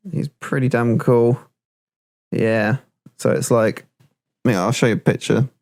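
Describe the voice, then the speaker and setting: A man hosting a casual podcast, his voice gravelly with fry at mid pitch. He rambles through stories, searching for names as he goes. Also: steady tone, measured pace, a little mellow. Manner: rambling, laughs while quoting clips. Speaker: podcast host. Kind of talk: casual chat.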